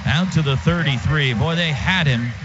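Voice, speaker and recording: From a radio booth at an outdoor stadium, a male announcer with a slightly high voice calls live football play-by-play at a normal pace, using clipped, rhythmic phrasing. The broadcast comes through as a muffled radio feed over heavy crowd noise.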